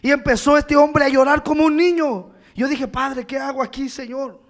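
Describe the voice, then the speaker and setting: A man's voice: very high-pitched, steady tone, normal speed, soft background music. A male pastor, preaching a sermon in a church and telling a story, acting out the dialogue and calling out to the congregation.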